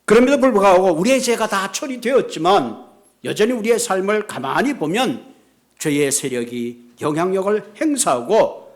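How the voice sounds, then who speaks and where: An earnest male pastor preaching a sermon, his voice sitting fairly high for a man. He leans into key words with emphasis and builds toward his points.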